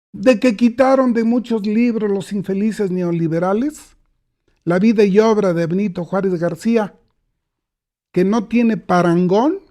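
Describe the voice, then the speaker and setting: A man telling a folk tale dramatically, swinging from loud emphasis to hushed whispers. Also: high-pitched. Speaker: storyteller and commentator. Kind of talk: oral storytelling.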